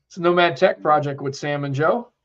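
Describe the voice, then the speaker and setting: Here the congested American co-host sounds a little high and brisk, rambling through casual live-stream talk and reading chat comments. The recording is muffled.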